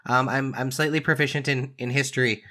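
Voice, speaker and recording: A man playing a tabletop game, chatting casually and excitably, rambling with fillers. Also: mid-range voice, fairly quick. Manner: excitable, rambling, laughs easily. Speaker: player.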